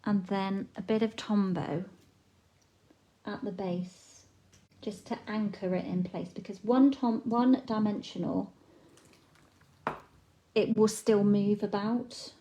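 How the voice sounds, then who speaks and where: A woman's voice: medium pitch, slow pace, long pauses, rough recording. Chatty woman demonstrating crafts. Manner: chatty, relaxed, talks while working. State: frog in the throat. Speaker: papercraft demonstrator. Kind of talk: live craft tutorial.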